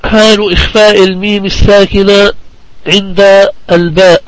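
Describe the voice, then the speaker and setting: A man from Palestine teaching the rules of Quran recitation in a deliberate classroom manner, repeating key phrases for his students. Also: high-pitched, no room sound, poor audio. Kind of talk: religious lesson on recitation rules.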